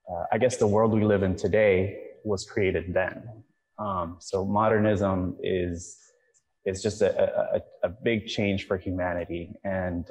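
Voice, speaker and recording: A young man from Miami with a deep voice talks through his ideas slowly, pausing often and restarting his thoughts. He is recorded outdoors in a courtyard, with a long reverb trailing his words. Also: a little mellow. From Miami, USA. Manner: thoughtful, halting, many fillers and restarts. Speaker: choreographer and dancer, guest. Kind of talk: artist talk.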